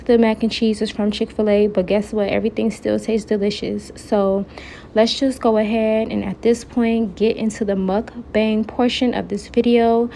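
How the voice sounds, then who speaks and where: Chatty woman with a mellow voice. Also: a little high, creaky, a little hiss or hum. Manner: chatty, talks straight to viewers with playful asides. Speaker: recipe vlogger. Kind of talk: casual recipe narration.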